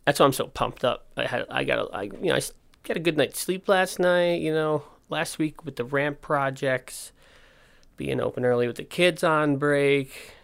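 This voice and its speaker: A man's voice: fairly high pitch, moderate pace, vocal fry, fairly bright tone. Casual man with slight missing-front-teeth lisp. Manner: informal, self-interrupting, candid rambling. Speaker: podcast host and skate park owner. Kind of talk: casual solo podcast talk.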